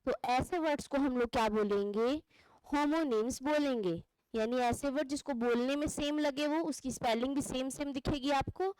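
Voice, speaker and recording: Lady teacher, high voice, dry close sound, keeps asking and answering her own questions. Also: a little mellow, smooth, no echo, low-quality recording. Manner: asks questions and answers them herself, ends points with "theek hai". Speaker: English teacher. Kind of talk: classroom lesson explaining grammar.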